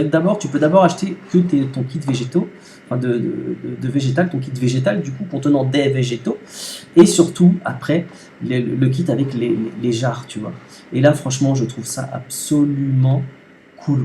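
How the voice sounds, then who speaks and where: Chatty man with a mellow voice. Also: mid-range voice, a little hiss or hum. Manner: chatty, stumbling restarts, slangy. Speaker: aquarium hobby YouTuber. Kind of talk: casual unboxing vlog. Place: home living room.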